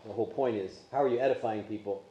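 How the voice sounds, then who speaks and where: A man who grew up speaking Polish teaches a Bible class at Sunday school, chatting and asking his class questions. His voice is lowish and warm and he talks quickly. The lo-fi recording from an echoey church classroom carries a little hiss or hum.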